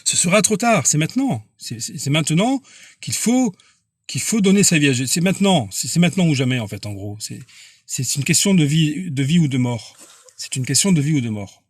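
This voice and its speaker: A man's voice: on the high side, big pitch swings, breathy edge, dry recording. Earnest man preaching on a live stream. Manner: halting, repeats words, earnest and insistent.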